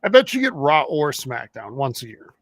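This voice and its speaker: Animated man chatting over a match. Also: mid-range voice, moderate pace, dry recording. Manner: chatty, trails off mid-sentence with fillers. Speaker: co-host of a wrestling watch-along. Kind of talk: casual chat.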